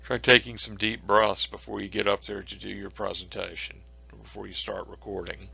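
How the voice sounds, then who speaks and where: Male instructor, lower pitch, bright forceful tone, measured delivery with fillers. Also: level tone, creaky, slightly rough. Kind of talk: recorded lecture. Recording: dull lo-fi recording.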